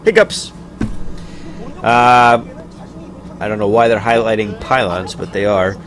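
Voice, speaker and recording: A man with a lowish voice does relaxed, unhurried solo play-by-play for a live game stream against a noisy background. As an esports caster, he's chatty between plays, breaks into excited shouts at big moments, and hiccups now and then.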